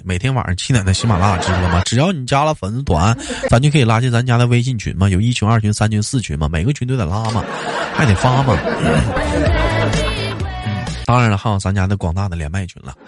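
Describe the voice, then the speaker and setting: A man's voice: on the low side, animated, fast, over music. A man with a Northeastern Chinese accent hosting a talk show in a colloquial, comic ranting style full of rhetorical questions. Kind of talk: casual comic rant and banter.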